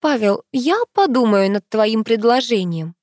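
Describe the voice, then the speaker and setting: A woman's voice: a little high, animated, a little slow, a little mellow, no echo, clean studio sound, pitched above the performer's own voice. A woman voicing a sweet, cheerful, polite young woman with a sugary manner.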